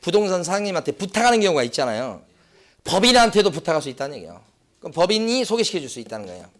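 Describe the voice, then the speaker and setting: A male lecturer with a slightly high voice teaches an exam-prep class, constantly asking the room questions and answering them himself. He drags out key terms slowly so they stick. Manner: tells anecdotes with acted-out quotes. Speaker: real estate exam lecturer.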